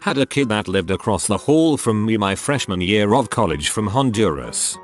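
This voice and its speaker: A man narrating online stories in a steady read-aloud way. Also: fairly low pitch, normal speed, faint music behind. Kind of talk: scripted narration of online posts.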